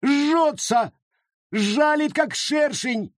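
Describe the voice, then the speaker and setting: A man's voice: very high-pitched, drawn-out words, no room sound, studio quality, voice pushed up, full character voice. A man doing a squealing, panicked young girl. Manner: squealing, screaming.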